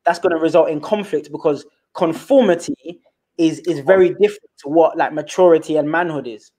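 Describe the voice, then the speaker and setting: Young man, London accent, high voice, animated storytelling, slangy, interview guest. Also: fairly quick. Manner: animated, slangy, repeats words when excited. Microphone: remote call.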